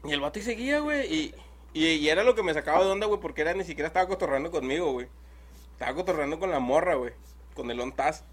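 A man's voice: on the high side, expressive, racing, slight background noise. A young man with a Mexican accent telling a long story in casual chat, rambling and full of slang filler words. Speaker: podcast host.

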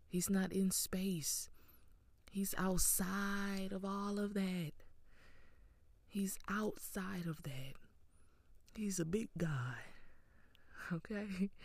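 A woman gives an earnest, encouraging devotional talk with an unhurried, gravelly voice. She often sinks into a soft whisper, her tone warm and mellow. The sound is close and dry. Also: mid-range voice, dry recording. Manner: earnest, encouraging, with small laughs.

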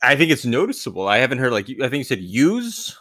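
A man's voice: medium pitch, expressive, racing, bright, forceful tone. A man hosting an improvised comedy interview, questioning his guest in a probing, mock-incredulous way. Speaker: podcast host.

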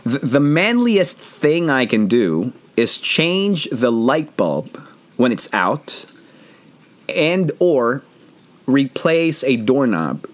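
Hoarse man hosting, lively rambling talk. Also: medium pitch, slow pace. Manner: jokey, rambling, self-deprecating. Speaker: podcast host. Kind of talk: casual chat. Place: home.

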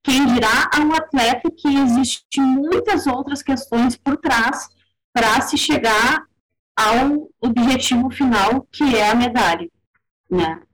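A woman, speaking as a panelist in a casual discussion, measured and thoughtful with frequent hesitations. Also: sits high, rough recording.

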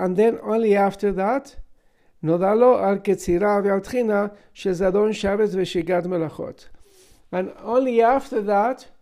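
A man's voice: high voice, dark tone. A man with giving an informal Talmud lesson, explaining step by step with rhetorical questions and asides. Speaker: Talmud teacher.

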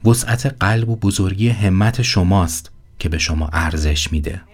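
A man narrating a motivational story in a calm, earnest voice-over. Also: low voice, soft background music.

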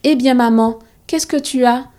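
A woman's voice: high-pitched, normal speed, a little mellow, voice pushed up, natural voice. A woman voicing a young schoolboy who is kind and earnest, in a storybook reading.

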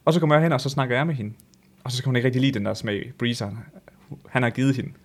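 A young man chatting casually as a podcast co-host, an animated storyteller who laughs often and swears freely. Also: medium pitch. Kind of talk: casual chat.

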